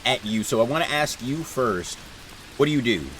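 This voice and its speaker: A man's voice: mid-range voice, expressive, moderate pace, a bit bright, slight background noise, poor audio. A man narrating as dungeon master on a tabletop game stream, casual and rambling with many fillers.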